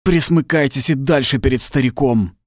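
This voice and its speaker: A man voicing a tormented young captive who speaks in a hoarse, strained and desperate way. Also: medium pitch, moderate pace, no room sound, studio quality, voice pushed up, close to an everyday voice. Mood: bitter.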